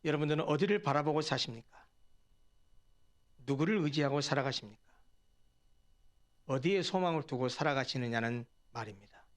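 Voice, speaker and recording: A man's voice: fairly high pitch, moderate pace, long pauses. A man preaching a sermon as pastor in a church, talking earnestly and putting rhetorical questions to his congregation. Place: church sanctuary.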